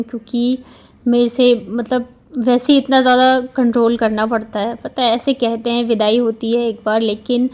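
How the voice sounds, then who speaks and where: A woman's voice: a little high, darkish tone. A woman vlogger narrating in a chatty, confiding and heartfelt way, full of casual fillers.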